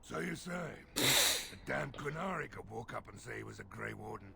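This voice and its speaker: A man's voice: fairly low pitch, expressive, normal speed, creaky, very noisy. An actor playing a worried, blunt middle-aged male village mayor in a fantasy game, talking in a weary, pleading way. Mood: weary urgent.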